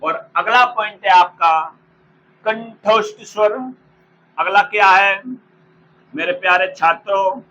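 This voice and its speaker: A man teaching an exam-prep grammar lesson, repeating each term slowly for students to write down and calling them by fond names. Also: sits high, steady tone, bright, forceful tone, muffled recording, slight background noise. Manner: slow, repeats terms for dictation; addresses students fondly.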